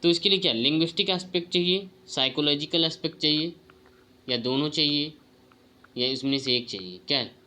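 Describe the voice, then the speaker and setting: Bright-voiced man teaching exam prep. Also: on the high side, a little fast.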